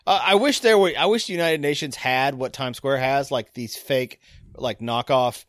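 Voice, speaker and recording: A man's voice: mid-range voice, normal speed, fairly bright tone, dry recording, studio quality. A man co-hosting a casual movie podcast, playful and rambling with jokes. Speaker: podcast co-host.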